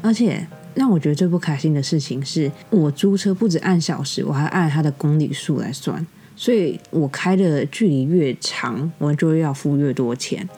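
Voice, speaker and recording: A young woman with a Taiwanese Mandarin accent, hosting a podcast and telling a story in an exasperated, lively way. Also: deep voice, moderate pace, few pauses, breathy edge. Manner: exasperated, animated retelling with quoted dialogue. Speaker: podcast host. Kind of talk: casual storytelling monologue. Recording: soft music bed behind. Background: faint background music.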